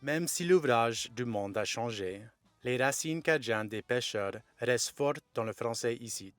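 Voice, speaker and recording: A man's voice: medium pitch, lively intonation, unhurried, no echo, faint music behind. A man, hosting and narrating a documentary interview. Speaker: host and interviewer.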